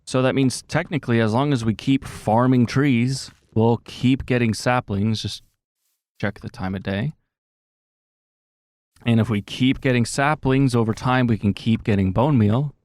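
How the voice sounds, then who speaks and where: A man's voice: mid-range voice, a little slow, a little mellow, dry recording, studio quality. A man giving casual, rambling gameplay commentary, full of fillers and self-corrections, with a slightly sore throat. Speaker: gaming commentator.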